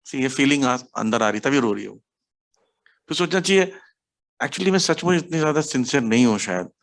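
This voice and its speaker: An Indian preacher leads a devotional class, telling stories animatedly, mixing English words into his speech and acting out quotes with sharp pitch jumps. He speaks at a moderate pace in a creaky voice.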